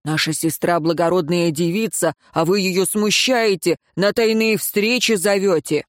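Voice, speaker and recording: A man's voice: high voice, a little slow, no room sound, studio quality. A man reading an audiobook and voicing an arrogant young nobleman who speaks haughtily. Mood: haughty.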